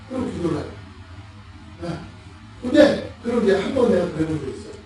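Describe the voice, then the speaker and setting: A man preaching a sermon as pastor, asking the congregation questions and laughing as he acts things out. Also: a little high. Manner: animated, asks the congregation questions, laughs while mimicking. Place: church sanctuary. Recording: echoey church hall, mic far off.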